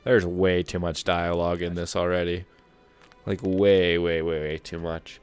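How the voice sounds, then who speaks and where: A man with a low, deep voice talks loosely to his viewers while gaming. His chat is rambling and laid-back, full of asides. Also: flat delivery, unhurried, smooth, soft background music. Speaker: streamer. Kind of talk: casual gaming stream chat.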